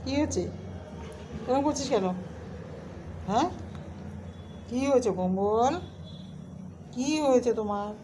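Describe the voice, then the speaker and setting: A woman's voice: fairly high pitch, unhurried, pauses often. A woman talking to her pet in a coaxing, teasing, scolding way. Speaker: pet owner. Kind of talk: casual talk to a pet. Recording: noisy background hiss.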